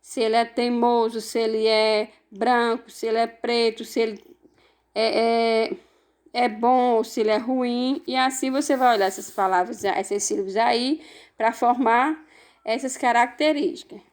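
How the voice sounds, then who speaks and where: Patient Brazilian teacher woman, fairly high. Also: fairly even intonation. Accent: Brazilian Portuguese. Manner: slow, patient, explaining step by step. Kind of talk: remote lesson for young children.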